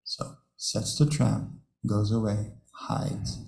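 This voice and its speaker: A man's voice: on the low side, level tone, slow pace, creaky, darkish tone, reverberant, a little hiss or hum, low-quality recording. A man giving a devotional scripture class, telling stories to his audience, chuckling often and repeating his words. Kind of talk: devotional class talk with storytelling. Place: temple hall.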